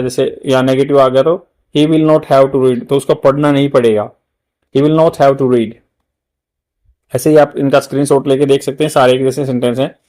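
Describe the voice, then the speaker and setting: A man with an Indian accent teaching English grammar for exam prep, repeating words slowly to drill pronunciation. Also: a little high, darkish tone.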